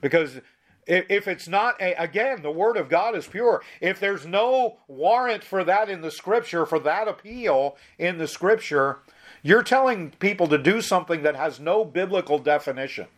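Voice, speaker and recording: A man's voice: high voice, lively intonation, moderate pace, a bit bright. A man preaching a sermon, reading Bible verses aloud and explaining them in an emphatic, conversational way with frequent restarts.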